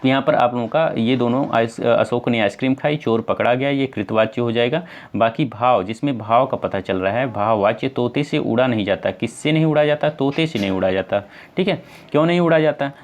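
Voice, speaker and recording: A man's voice: mid-range voice, normal speed, few pauses. Male exam tutor, North Indian Hindi accent, patient step-by-step explainer. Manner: explains step by step, asks and answers own questions; addresses viewers as friends, many fillers. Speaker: teacher. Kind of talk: exam-prep lesson.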